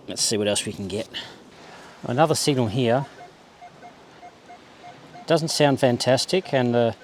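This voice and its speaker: A man giving a laid-back, understated running commentary outdoors on a beach, half talking to himself as he searches, in the casual way of a hobby vlogger. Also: medium pitch. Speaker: metal detecting vlogger. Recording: clear outdoor background noise.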